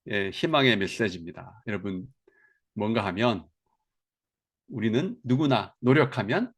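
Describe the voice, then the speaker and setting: A middle-aged man teaches a seminar on communication. His voice swings widely in pitch, and he keeps the room engaged with questions he then answers himself. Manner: animated, asks the audience questions. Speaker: lecturer on counseling.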